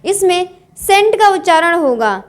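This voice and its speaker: A woman with a high-pitched voice gives a methodical pronunciation lesson. She asks a question, then answers it herself. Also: very animated, measured pace. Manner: explains step by step, asks and answers her own questions. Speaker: English teacher. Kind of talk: Hindi-medium pronunciation lesson.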